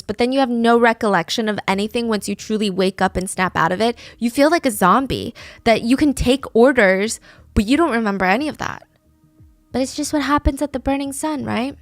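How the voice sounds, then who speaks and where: A woman's voice: a little high, no room sound. A woman casually recounting a true crime case, talking conversationally and slipping into voices when she quotes people.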